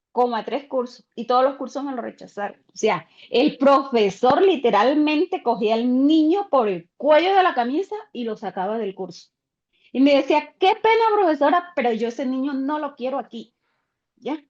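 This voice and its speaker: A woman teacher, telling a classroom story in an online class and acting out the voices of others. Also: sits high. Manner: animated, acts out quoted voices. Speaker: teacher sharing an experience in a class. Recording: dull lo-fi call audio.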